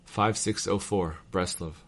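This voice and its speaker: Low-voiced man reading letters aloud. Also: steady tone. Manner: measured, formal reading cadence. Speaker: reader of devotional texts.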